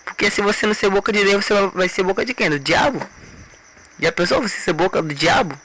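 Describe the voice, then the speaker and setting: A man's voice: sits high, expressive, fast talker, sharp tone, slight background noise, rough recording. A man preaching an informal sermon, retelling scripture in everyday speech and repeating words for emphasis.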